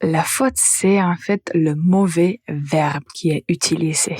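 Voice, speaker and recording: A woman hosting a language-lesson podcast, with a slightly low voice. She speaks very slowly and repeats each example sentence so learners can follow. The sound is dry and close to the mic. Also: darkish tone, breathy edge, no echo. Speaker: language teacher and podcast host. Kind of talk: slow, careful French lesson podcast.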